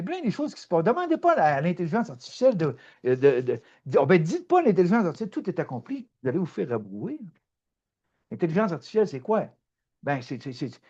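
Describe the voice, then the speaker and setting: Québécois man, spiritual talk, animated, lively swinging pitch, husky mellow voice. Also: muffled recording. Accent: Québécois French. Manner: animated, repetitive, swings between loud emphatic and soft. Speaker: spiritual speaker.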